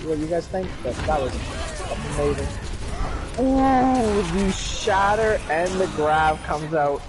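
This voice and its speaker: A man giving live play-by-play commentary on an esports match, with excited calls and joking asides. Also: high voice. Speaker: esports caster.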